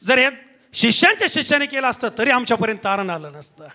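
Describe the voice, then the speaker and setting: A man preaching with a strikingly high, bright and sharp voice. He drives his sermon hard, rallying the church congregation to answer back to him. His delivery is fervent and insistent throughout. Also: big pitch swings, quick pace. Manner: impassioned preaching with call-and-response to the congregation. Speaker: pastor. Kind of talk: fiery Marathi sermon.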